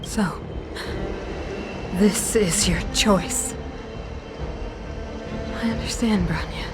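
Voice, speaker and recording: A woman's voice: mid-range voice, extremely slow. A woman playing a grandiose, imperious mature villainess ruler in a theatrical, overacted anime game dub. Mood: cold regret. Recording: music behind voice.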